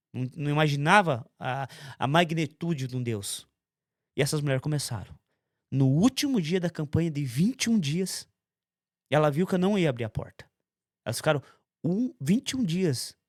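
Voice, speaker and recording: A man's voice: medium pitch, dry recording, clean studio sound. A man from giving a testimony in a conversational interview, telling his story intensely and acting out other people's words. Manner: intense, animated storytelling with quoted voices.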